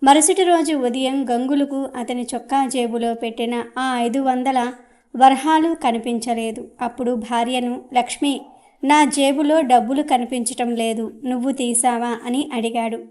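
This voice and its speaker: Woman storyteller, fairly high voice, scripted folk tale narration, quotes read in her own voice. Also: a little slow. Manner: reads every character's lines in her own voice, lively quotes. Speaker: storyteller on an astrology channel.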